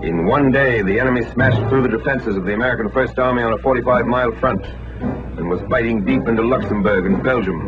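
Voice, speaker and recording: A man narrating a 1940s wartime newsreel in a dramatic, emphatic announcer style, with old newsreel sound. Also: mid-range voice. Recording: dull lo-fi 1940s newsreel soundtrack under loud orchestral music. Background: loud score.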